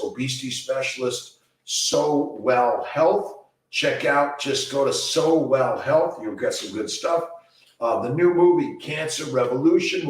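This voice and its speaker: A man in his fifties from Los Angeles, a doctor, rambling through viewer comments on a casual livestream. His voice sounds like it is echoing in a cave. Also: medium pitch. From Los Angeles, USA. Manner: rambling, scattered, with many "uh, let's see" fillers. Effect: cave-like echo on the voice. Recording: very echoey, distant from the mic.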